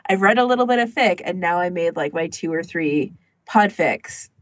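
Speaking at a moderate pace, a woman with a lowish voice and lively intonation co-hosts a fan podcast. Her relaxed chatter is peppered with "like", and there's no room sound.

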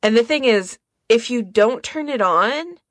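In a casual chat about fan hobbies, a woman co-hosting a podcast talks informally and thinks aloud as she goes. Her voice is a little high, animated, and unhurried, captured in a dry recording.

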